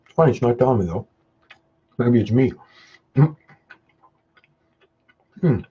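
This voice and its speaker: A man's voice: expressive, a little slow, dark tone, husky. A man casually chatting on a live webcam stream while eating spicy pizza, humming and chewing between short remarks, sweating from the peppers. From Canada. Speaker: hot sauce vlogger. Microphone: webcam mic. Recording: dull low-fi webcam audio with faint noise.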